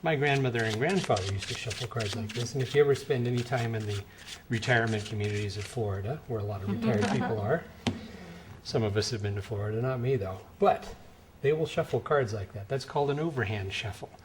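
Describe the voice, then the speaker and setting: At a card table on an indoor studio set, a middle-aged man performs card tricks for spectators with conversational, playfully showy patter. He talks fast in a fairly low voice, with noise in the background.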